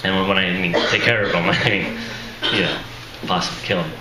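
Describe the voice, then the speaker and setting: A man with a low voice and a fairly quick delivery introduces his own book at a live reading. His tone is casual and self-deprecating, broken up by chuckles, and he sounds tired and strained. Expect an echoey room with a noisy crowd around him.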